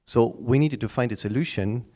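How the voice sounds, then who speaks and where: Halting middle-aged man pitching at a conference. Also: mellow. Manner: halting, repeats and restarts words often. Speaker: startup pitch speaker. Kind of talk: live conference pitch to an audience.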